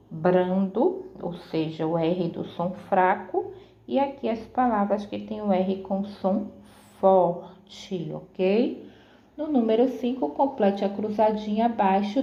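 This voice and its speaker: Slow, careful woman teacher. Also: medium pitch, roomy sound, dull audio. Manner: slow, careful syllable-by-syllable explanations with frequent "certo?". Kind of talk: grammar lesson to pupils.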